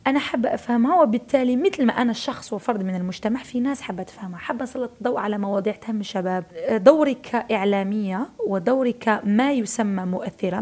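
Woman, Algerian Arabic accent, 30s, interview guest, emphatic, rapid, warm and dark. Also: mid-range voice. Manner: emphatic, repeats words for stress. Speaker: guest, media personality. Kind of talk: casual interview talk.

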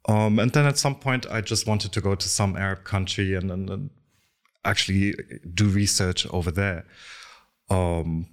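Deep-voiced Dutch-accented man, thoughtful. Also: steady tone, moderate pace. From Netherlands, raised in the UAE. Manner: thoughtful, frequent ums and restarts. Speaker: clinical psychologist guest. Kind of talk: interview conversation.

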